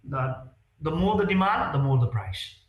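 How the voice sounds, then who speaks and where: A man's voice: a little high, sing-song, moderate pace, echoey room, dull audio. A man, answering interview questions earnestly and hesitantly, with many fillers and restarts. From Nepal. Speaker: real estate sales executive, guest.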